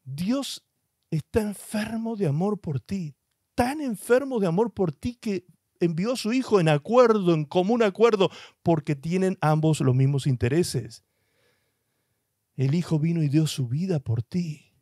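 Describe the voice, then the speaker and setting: A man's voice: high-pitched, moderate pace, warm tone, no echo, studio quality. A man preaching a sermon as pastor, emphatic and full of rhetorical questions, with short mocking put-on voices.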